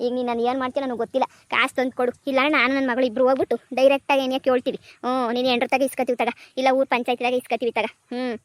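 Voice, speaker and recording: A woman's voice: high-pitched, flat delivery, quick pace, few pauses, no room sound, lightly acted. A woman voicing a scheming middle-aged village mistress, who scolds and threatens for money in a cartoon comedy. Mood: threatening.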